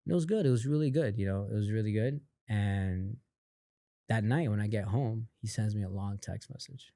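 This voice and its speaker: A man with a low, mellow voice tells a family story in loose, conversational podcast talk. He acts out other people's lines as he goes and leans on fillers. The sound is close and dry, with no room ring. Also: moderate pace, no room sound. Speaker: podcast guest, company founder. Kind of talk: casual storytelling in an interview.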